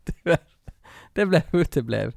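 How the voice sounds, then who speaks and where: A man's voice: a little high, lively intonation, creaky, a little mellow, dry recording, clean studio sound. A male podcast host from Finland, chatting casually and teasing his co-host with laughter. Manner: teasing, laughing, quiz-master banter. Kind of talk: casual chat.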